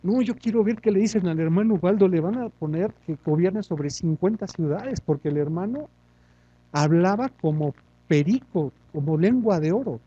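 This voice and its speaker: A man pastor preaching a sermon, lively and full of rhetorical questions and self-mocking humor. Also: high voice, normal speed, breathy edge, no room sound, dull audio.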